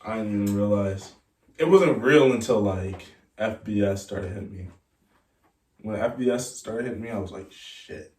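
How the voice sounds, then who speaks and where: A young adult college football player, a podcast guest with a lowish voice, tells casual stories at normal speed. He's animated and acts out the voices of the people involved, recorded with roomy echo and a distant mic.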